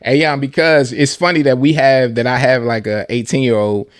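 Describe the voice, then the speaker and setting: A man's voice: medium pitch, fairly even intonation, moderate pace. A man hosting a podcast in casual chat, speaking thoughtfully and restarting his sentences as he works through an idea. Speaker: podcast host.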